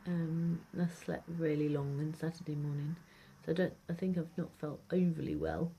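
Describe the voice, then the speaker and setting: A British woman chats casually to the camera at home for a food diary vlog, rambling and hesitant, often trailing off and repeating herself. Her low, mellow voice is animated and moderately paced, and the amateur home video is noisy.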